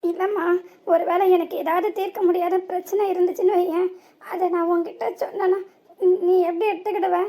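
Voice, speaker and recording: A woman's voice: very high-pitched, fairly even intonation, brisk. A woman voicing an anxious young village husband in a cartoon, with a southern Tamil Nadu accent and a fretful, hesitant way of talking. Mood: fearful. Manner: fretful, pleading, softly hesitant. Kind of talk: cartoon voice acting.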